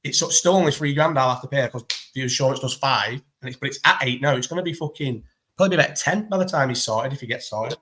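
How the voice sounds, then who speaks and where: A man telling a story in casual chat. He rattles along very quickly, swears freely and keeps restarting his sentences. His voice sits at an ordinary pitch for a man. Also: sharp tone, slight background noise. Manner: fast, sweary and rambling, with many restarts. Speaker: guest.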